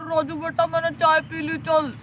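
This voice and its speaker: A woman voicing a middle-aged village father who keeps complaining loudly about the cold. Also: very high-pitched, completely flat delivery, moderate pace. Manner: loud complaining calls. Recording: noisy home recording.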